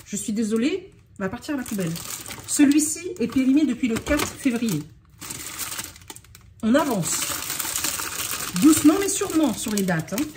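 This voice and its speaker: A woman's voice: on the high side, big pitch swings, moderate pace, pauses often, noisy background. A woman from France in a casual unboxing vlog, talking in a scattered, self-interrupting way and getting worked up. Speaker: vlogger.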